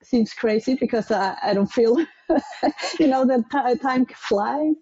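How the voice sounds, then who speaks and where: A middle-aged woman from Iceland with an Icelandic accent, telling her story as an interview guest and pausing to search for English words. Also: fairly high pitch, mellow, slightly rough, highs cut off.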